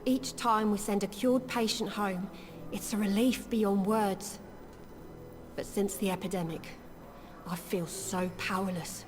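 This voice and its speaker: An actress voicing an earnest young nurse, idealistic but worn down, in game dialogue. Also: female voice, medium pitch, fairly even intonation, unhurried, close to an everyday voice. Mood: wistful. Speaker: nurse character. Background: game music.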